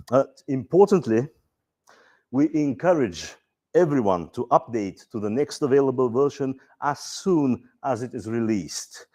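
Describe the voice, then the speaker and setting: Frequent fillers and restarts mark the relaxed, dryly humorous talk of a Bulgarian-accented man presenting software features at a conference. He speaks in a mid-range voice.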